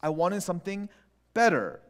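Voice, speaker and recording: Male preacher, conversational sermon delivery, high and expressive voice. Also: moderate pace, a little hiss or hum. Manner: animated, conversational preaching with restarts and acted asides. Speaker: pastor.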